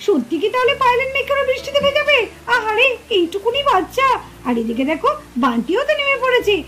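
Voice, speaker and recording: A woman narrating a doll cartoon. She tells the story in a lively way and speaks straight to the viewer. Her voice sits extremely high. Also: fast talker, a little hiss or hum.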